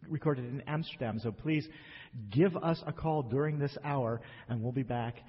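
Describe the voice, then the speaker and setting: A man's voice: medium pitch, moderate pace. Chatty radio host man, echoey. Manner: chatty, laughs often. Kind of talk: radio interview. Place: guest's home in Amsterdam. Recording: echoey, dull lo-fi, faint hiss.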